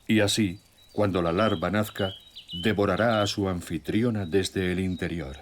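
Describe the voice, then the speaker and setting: A man narrating a scripted nature documentary in a measured, solemn storytelling way. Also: low voice, fairly even intonation, a little hiss or hum. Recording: music bed with nature sounds. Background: music, birdsong and nature sounds.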